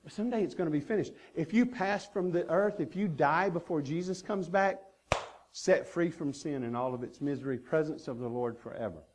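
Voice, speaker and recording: A male pastor delivers a sermon in an earnest, emphatic manner, driving his points home with repeated phrases. His voice sits a little higher than most men's. He speaks from a church stage mic. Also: a little fast, darkish tone, slight background noise. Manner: earnest preaching with emphatic repetition.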